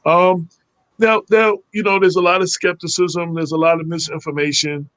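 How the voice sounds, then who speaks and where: Male talk radio host, slightly high-pitched, dry mic, stumbles through long questions. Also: little pitch movement, a bit bright, dry recording, low-quality recording. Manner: halting, searching questions. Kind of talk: radio interview.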